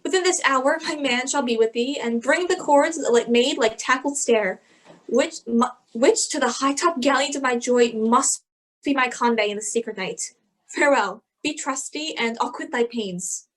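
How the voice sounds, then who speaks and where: Woman cast as an urgent young lover; high, earnest delivery. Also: normal speed. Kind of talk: amateur Shakespeare reading.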